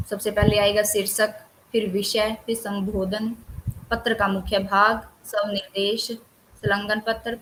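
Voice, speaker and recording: A woman teacher running an online class, going through a list of chapter topics at a steady, even pace. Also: medium pitch, slight background noise, low-quality recording. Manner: lists topics steadily with few pauses. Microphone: computer mic on a video call.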